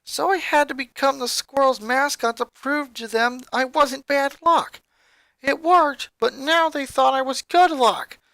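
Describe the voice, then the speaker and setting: A woman voices a young boy in a very high pitch, sounding hurt, bitter, agitated, and upset as he angrily vents his grievances about his family with emphatic emotion. It's a dramatic fan fiction character reading at a measured pace. The recording is dry, close, a bit bright, and has no echo.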